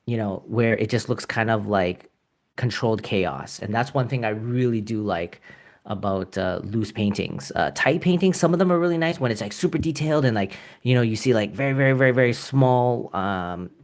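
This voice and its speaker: A man's voice: fairly low pitch, normal speed. A Canadian man chatting casually to viewers as he paints live, rambling with many fillers and chuckles. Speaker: artist streaming live. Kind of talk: casual live-stream chat while painting.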